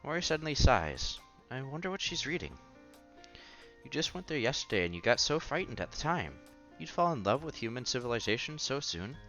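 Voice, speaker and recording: Over background music, a man hosts a casual read-aloud playthrough of a visual novel, voicing narration and dialogue with the odd stumble and aside. His mid-range voice is sing-song and fairly bright, and he reads a little fast.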